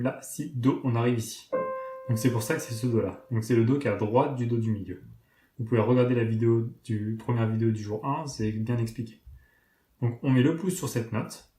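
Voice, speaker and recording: A man explains beginner piano, calmly naming notes one by one and counting beats aloud. His voice sits at an ordinary middle pitch. The room carries a clear echo around him. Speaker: piano teacher. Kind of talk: step-by-step piano tutorial. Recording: roomy echo.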